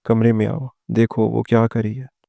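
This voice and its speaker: A man voicing a stern, angry mother who scolds harshly, in a low, flat, gravelly voice. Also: dry recording, clean studio sound.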